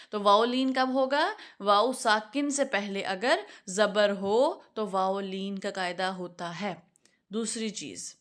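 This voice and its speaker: Patient woman teaching tajweed, slightly high. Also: fairly bright tone. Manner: patient, repeats rules and sounds slowly for learners. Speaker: Quran recitation teacher. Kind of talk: online tajweed lesson.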